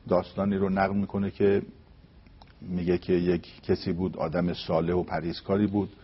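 A man giving a religious talk, telling a story and reciting verses slowly and deliberately. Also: sits low, flat delivery, husky, muffled recording. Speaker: religious speaker.

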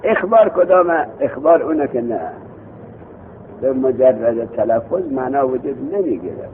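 A man's voice: mid-range voice, big pitch swings, slight background noise. A man teaching a seminary grammar lesson, quizzing his students and repeating their answers back to them. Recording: tinny phone-like lo-fi recording.

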